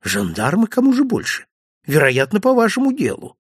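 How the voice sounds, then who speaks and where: A man voicing a chatty, jovial male village innkeeper in an audiobook, pitching his voice up and sounding excitable. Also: normal speed, breathy edge, no echo, studio quality, full character voice. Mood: teasing.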